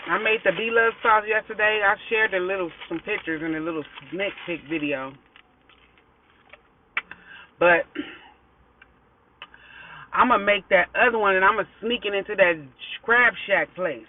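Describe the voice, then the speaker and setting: A high-voiced American food vlogger speaks at normal speed with long pauses, chatting casually through a mukbang in a parked car. He murmurs between bites and talks with his mouth full, over a thin, phone-like car recording with a little hiss or hum.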